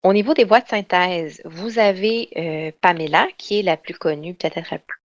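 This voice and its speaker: A woman giving an online software training session, explaining in a chatty way with lots of fillers and restarts. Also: on the low side, normal speed, no room sound, muffled recording. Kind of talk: online webinar demonstration.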